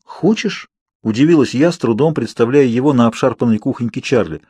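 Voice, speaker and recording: A man reading a first-person audiobook narration in a calm, even manner on a close mic. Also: medium pitch, fast talker, slightly rough, no echo. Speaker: audiobook reader.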